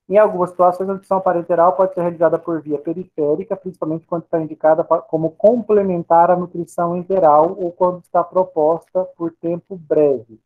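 A man's voice: sits high, steady tone, fairly quick, hardly any pauses. A man with a Brazilian Portuguese accent, a pharmacy lecturer explaining slides and asking and answering his own questions. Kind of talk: recorded lecture over slides. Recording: tinny phone-like audio.

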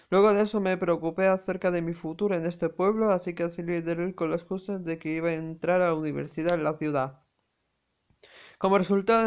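Reader narrating a visual novel, clear voice. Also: medium pitch, darkish tone, dull audio. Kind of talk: reading a visual novel aloud.

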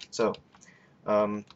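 A young man with a raspy voice hosting a casual coding tutorial, rambling and hesitant with many fillers. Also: on the low side, dull audio, a little hiss or hum. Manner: rambling, hesitant, lots of ums. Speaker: scripting tutorial host.

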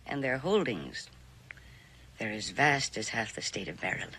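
In a 1960s TV western, an actress plays a middle-aged genteel mother, ambitious, controlling and weary, who schemes and pushes as she coaxes her daughter along. Her rumbling low, husky voice is bright and forceful, with lively intonation at normal speed, a full character voice on a low-quality recording.

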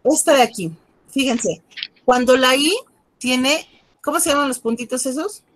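A woman's voice: high-pitched, moderate pace. Friendly teacher woman. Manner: friendly, coaxing, switches between Spanish and French. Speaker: French teacher. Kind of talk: online class teaching. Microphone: video call.

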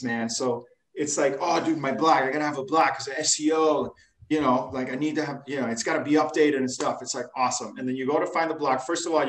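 A man's voice: on the high side, fairly bright tone. A man in his thirties, a guest on a casual video-call interview, talking keenly and slangily from a room at home. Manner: enthusiastic, slangy, says dude and man. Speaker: podcast guest. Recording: echoey room, distant mic.

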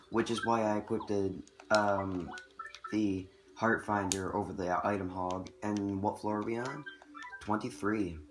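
There's background noise as this let's play host, a man with a lowish voice, talks casually through a video game despite a cold that's costing him his voice. Filmed on camera indoors by a TV, he's chatty, self-correcting and reactive, with game music underneath.

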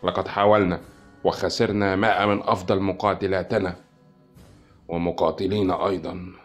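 A man voicing a worried but firm male military commander who speaks in a measured way. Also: deep voice, level tone, soft background music.

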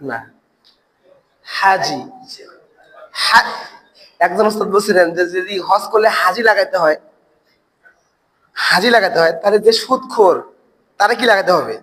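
A man's voice: sits high, unhurried, long pauses, sharp tone, poor audio. A man teaching an online Quran recitation class. He asks the learners questions, answers them himself and repeats words over and over to drill the pronunciation.

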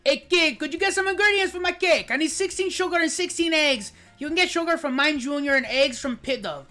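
A woman voicing a pushy baker in a game with a put-on Italian accent, giving brisk orders. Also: high voice, bright, forceful tone, soft background music, voice pushed up. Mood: bossy. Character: bossy Italian baker asking for cake ingredients.

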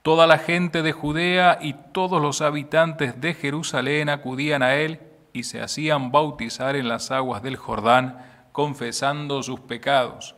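A middle-aged priest reading the Gospel aloud at Mass into a stand microphone in a small chapel, in a solemn, steady manner. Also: male voice, fairly high pitch. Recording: long chapel reverb.

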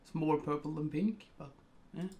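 His voice sits on the high side, gravelly yet mellow, at a moderate pace, and there's slight hiss or hum. This middle-aged man from Sweden, speaking with a Swedish accent, thinks aloud with many ums and uhs in a casual screen-recorded photo editing tutorial.

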